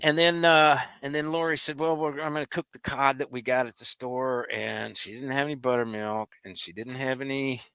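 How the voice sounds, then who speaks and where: A man's voice: mid-range voice, steady tone, moderate pace, few pauses, pushed and bright, smooth, dry recording. A man co-hosting a live-stream chat, talking in a folksy, rambling, self-deprecating way. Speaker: co-host.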